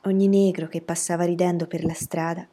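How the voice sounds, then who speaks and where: A woman reading a novel aloud as an audiobook narrator, telling the story in an even, steady way. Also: on the low side, a little fast, slightly rough.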